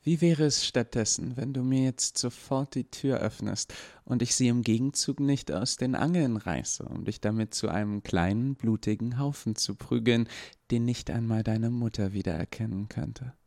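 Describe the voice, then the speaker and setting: A man voicing a woman who threatens in a smooth, calm, friendly tone. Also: mid-range voice, takes it slowly, hardly any pauses, voice pushed up. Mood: menacing. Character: sweetly menacing young woman.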